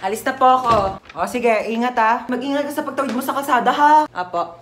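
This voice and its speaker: A woman's voice: fairly high pitch, a little fast, fairly bright tone, slight background noise. A woman acting in a comic skit as a fussy, worried mother.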